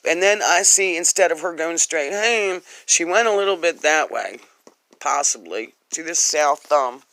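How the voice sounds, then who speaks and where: Congested tarot reader, man, slightly high voice, dry close sound, halting and rambling. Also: animated, bright, forceful tone, clean tone, no room sound. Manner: hesitant, rambling, many fillers and restarts. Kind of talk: rambling tarot reading monologue.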